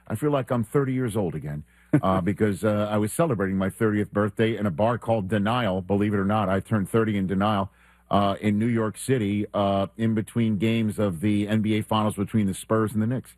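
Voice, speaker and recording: A man's voice: lowish voice, steady tone, a little fast, a little mellow, dry recording. Middle-aged guy hosting sports talk, chatty, laughs a lot, super dry close sound. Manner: chatty, laughing, lots of ums. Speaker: sports talk show host. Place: radio studio.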